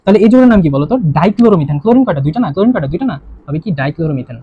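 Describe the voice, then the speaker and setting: A man's voice: fairly high pitch, lively intonation, racing, breathy edge. A young man teaching a chemistry lesson, quizzing students and repeating his questions. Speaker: chemistry tutor. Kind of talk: online lesson. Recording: dull lo-fi recording with faint ambience.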